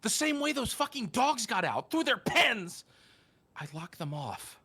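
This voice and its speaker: A man's voice: very high voice, big pitch swings, sharp tone, husky. A man reading character parts in an amateur read-through, swearing and restarting his lines. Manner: slow, swearing, self-correcting. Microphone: home streaming mic.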